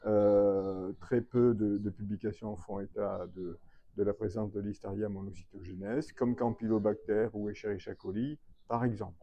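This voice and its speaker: Hesitant professor with a dark voice. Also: male voice, on the low side, little pitch movement, normal speed, highs cut off. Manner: explanatory, hesitant with frequent fillers. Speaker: veterinary public health professor. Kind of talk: expert interview answer. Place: trade fair hall.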